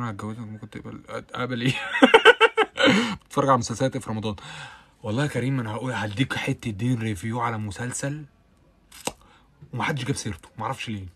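A young man with an Egyptian Arabic accent, hosting a casual live stream, chatting with viewers and answering their comments, with bursts of loud laughter. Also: a little hiss or hum. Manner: rapid chatty talk with frequent oaths and bursts of loud high laughter.

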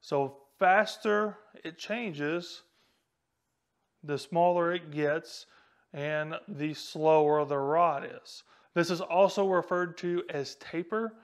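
A man's voice: on the high side, slow. A man, hosting a fishing channel and explaining gear casually to the camera in a small indoor room on a lapel mic. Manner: casual, talks straight to camera while handling rods. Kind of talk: instructional explainer. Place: small indoor room with a whiteboard and a tackle wall.

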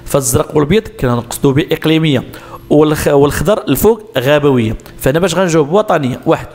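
A man's voice: on the high side, fast talker, darkish tone. A man with a Moroccan Arabic accent explaining road sign exam answers step by step, asking questions and answering them himself. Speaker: driving instructor.

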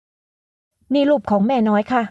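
A woman reading an audiobook and voicing a polite, gentle middle-aged mother. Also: slow, dry recording, phone-quality sound, close to an everyday voice. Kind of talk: audiobook character voice.

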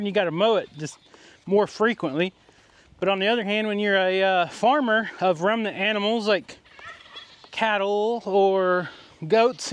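A man, chatting casually outdoors on his farm in an easygoing rural way. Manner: easygoing rural talk, calling animals in a high coaxing voice. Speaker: farmer and channel host. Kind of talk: casual farm vlog narration. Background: goats, sheep and chickens.

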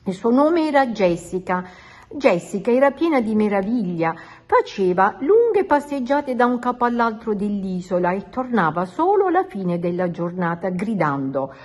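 A woman reading a picture book aloud to children in an expressive storytelling manner. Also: mid-range voice, moderate pace. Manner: animated, expressive.

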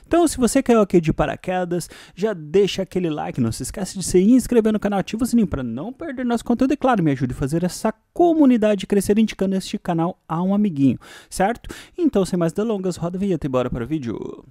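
This Brazilian music production tutorial host has a high, warm voice with big pitch swings, a quick pace, and hardly any pauses, in clean studio sound without room echo. Narrating a screen recording indoors, he thinks aloud casually and keeps checking in with short tag questions.

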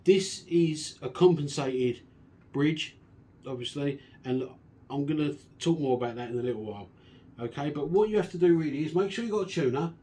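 A man casually walking through a guitar restoration and explaining each step in a relaxed, chatty way. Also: fairly high pitch, moderate pace, slightly rough. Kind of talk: casual workshop demonstration.

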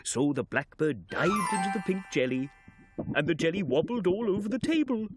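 A woman voicing a gentle, friendly creature who reads stories to small children in a sing-song way, putting on voices for the characters. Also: on the low side, animated, normal speed, over music, close to an everyday voice. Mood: storytelling. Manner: sing-song storybook reading with swooping voices. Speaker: storyteller. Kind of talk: children's television storytelling.

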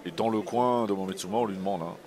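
A man giving live fight commentary, calm between rounds and shouting at big hits. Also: on the low side, fast talker, music in the background.

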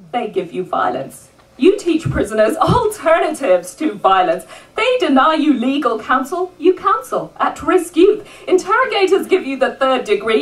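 A woman performing rhythmic spoken-word poetry at a live benefit event, rousing the audience into call-and-response. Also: on the high side. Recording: voice picked up from a distance at a live event.

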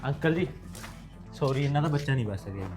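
An actor plays a village doctor in a homemade drama, talking fast and in a businesslike way. The voice sits at a middle pitch, with faint music behind it. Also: animated, close to an everyday voice. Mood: brisk.

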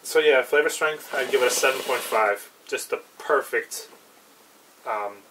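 A man's voice: medium pitch, unhurried. A young man chatting casually in an unscripted review, laid-back and a bit hesitant, trailing off. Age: young adult. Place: small cluttered indoor room with brick wall. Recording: distant mic, clear background noise.

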